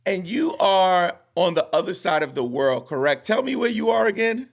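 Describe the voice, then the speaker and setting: A man's voice: high-pitched, animated, moderate pace, vocal fry. A man hosting a podcast interview, upbeat and enthusiastic as he asks questions. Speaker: podcast host. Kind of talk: casual interview.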